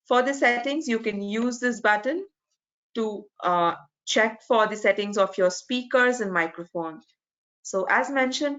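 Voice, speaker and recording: A woman's voice: mid-range voice, a bit bright. A woman moderating an online conference, giving polite step-by-step instructions with frequent restarts, heard through a video call screen recording. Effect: captured in a video call screen recording. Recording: dull lo-fi video call audio.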